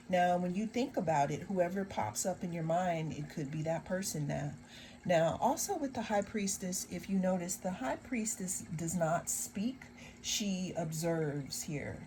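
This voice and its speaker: Slow, emphatic woman tarot reader. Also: low voice, darkish tone, a little hiss or hum, rough recording. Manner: slow, emphatic, drawn-out phrases with repeated refrains; sarcastic asides. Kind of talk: tarot card reading to viewers.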